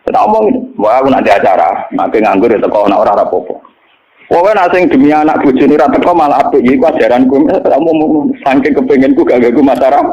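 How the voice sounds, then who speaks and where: Speaking fast at a medium pitch, this middle-aged cleric with a Javanese accent mixes storytelling and religious instruction, talking bluntly and colloquially and checking in with rhetorical questions. The lo-fi recording is dull, echoey and noisy.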